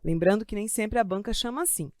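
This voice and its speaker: A Brazilian woman teaching Portuguese grammar in an online exam-prep class. She talks in a chatty, joking way and draws out key words slowly to stress them. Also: mid-range voice, no room sound, studio quality. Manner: lively, stretches key words slowly for emphasis; chatty asides and self-joking humor. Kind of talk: live online grammar lesson. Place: studio with a desk of computers.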